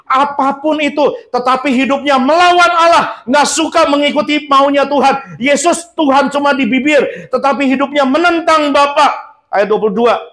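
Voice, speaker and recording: A man's voice: very high voice, moderate pace, fairly bright tone. A male pastor preaching a sermon, emphatic and repetitive, mixing in English phrases and acting out quotes.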